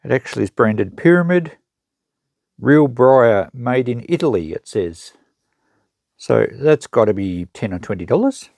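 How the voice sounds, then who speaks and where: With a medium-pitched, gravelly, slightly mellow voice, an Australian secondhand shop seller hosts an unboxing, animated yet at a measured pace. He thinks aloud and presents items in casual, matter-of-fact, unscripted show-and-tell commentary, recorded with no room sound.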